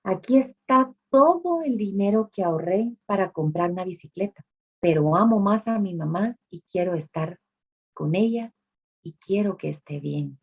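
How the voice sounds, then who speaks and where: A woman's voice: mid-range voice, expressive, normal speed, husky. A woman voicing a desperate five-year-old boy who begs for a miracle in a pleading, urgent voice. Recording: dull lo-fi recording.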